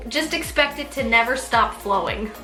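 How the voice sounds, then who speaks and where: Bubbly young woman vlogging, stuffed-up nose, kinda high voice, echoey room, quiet music underneath. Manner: chatty and bubbly, laughs often. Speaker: pregnancy vlogger. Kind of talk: casual chat to camera.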